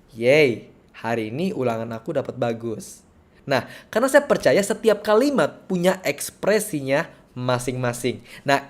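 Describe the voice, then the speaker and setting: A male instructor leading an online public speaking lesson with lots of energy. He explains each point step by step and demonstrates as he goes. He drops English terms into his talk. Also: on the high side.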